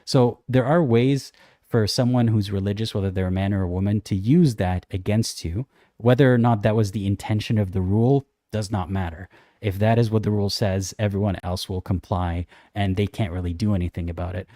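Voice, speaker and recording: Young guy on a livestream reading chat, lowish mellow voice, dry close sound. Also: fairly even intonation, no echo. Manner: thoughtful, measured, reads comments aloud.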